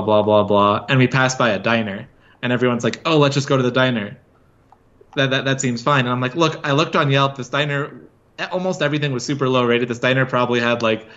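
A man's voice: medium pitch, dull audio. A man who is a podcast guest, casually telling a story with lots of filler words. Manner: storytelling, relaxed with many fillers.

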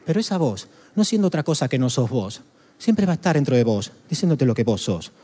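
A man's voice: mid-range voice, very animated, a little fast, dark tone. A man voicing a rambling male psychologist with an Argentine accent, lecturing in circles and cutting in with pushy interruptions. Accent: Argentine Spanish.

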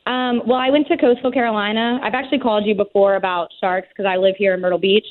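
A woman's voice: medium pitch, steady tone, fast. A young woman from Maryland chatting casually and in a friendly way as a caller on a phone. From Maryland, United States. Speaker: caller, aquarium scuba diver. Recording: narrow tinny phone line.

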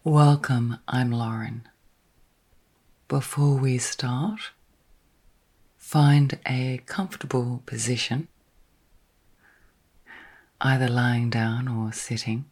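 A woman leads a guided meditation for sleep in a bass voice with a steady tone. Her speech is soft, breathy, and partly whispered, gently soothing, made up of short phrases with long pauses in between.

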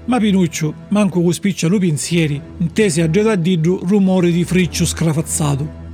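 A man telling a storybook tale in lively narration. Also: high voice, normal speed, faint music behind.

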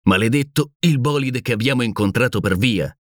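A man voicing a grave, methodical male leader in an audiobook, speaking in a slow, serious, convinced way. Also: medium pitch, no room sound, studio quality, natural voice.

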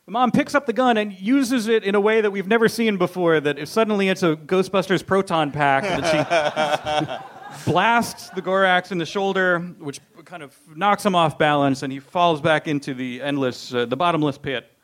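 Man, fairly high voice, podcast host, casual film recap, wry and jokey, prone to laughing. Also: moderate pace, a bit bright.

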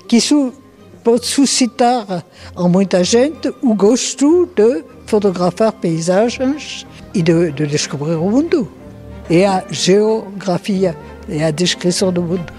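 A woman in her nineties answering interview questions slowly and thoughtfully, with pauses and restarts. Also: medium pitch, expressive, dark tone, soft background music. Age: 90s. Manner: slow, thoughtful, with hesitations and restarts.

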